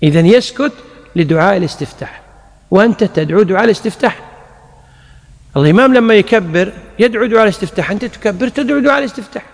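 A man's voice: sits high, lively intonation, rapid-fire, gravelly. A man who is an Islamic scholar, answering listeners' religious questions in an explanatory lecture, repeating key phrases and reciting examples. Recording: long hall reverb.

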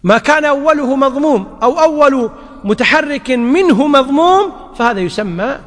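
A man gives a grammar lesson in a high, light voice. He repeats key points and often checks that his class is following. His voice rings with the long reverb of a large hall. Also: animated, moderate pace, a bit bright. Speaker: teacher of Arabic grammar. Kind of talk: classroom lecture.

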